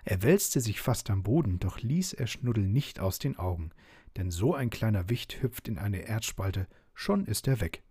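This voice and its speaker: A man reading a bedtime story aloud with an expressive, gently animated manner. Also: on the low side, normal speed, slightly rough, dry recording, clean studio sound.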